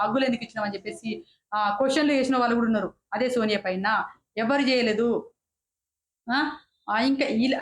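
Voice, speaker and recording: Woman ranting about a reality show, slightly high voice, echoey room. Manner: indignant, repeats herself, frequent restarts. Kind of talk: casual opinionated commentary.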